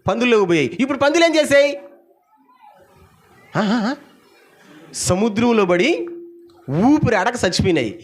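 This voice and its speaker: A middle-aged man preaching a Sunday sermon, calling out to the congregation for responses, firing off rhetorical questions and swinging between loud exclamations and low asides. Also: big pitch swings, moderate pace, pauses often. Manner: asks the audience many rhetorical questions. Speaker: pastor.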